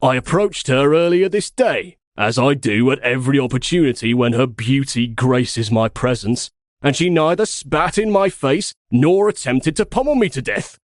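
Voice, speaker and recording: A man's voice: medium pitch, very animated, measured pace, few pauses, no echo. A man voicing a boastful, lovestruck young Spartan warrior in an audiobook, cocky and blustering. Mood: smug. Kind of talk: audiobook character voice.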